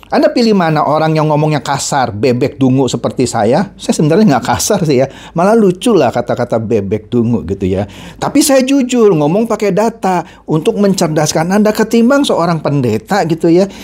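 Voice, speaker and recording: Middle-aged male commentator, sarcastic and mocking, high-ish voice that swings widely; ranting video host. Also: mellow. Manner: mocking, sarcastic, repetitive insults.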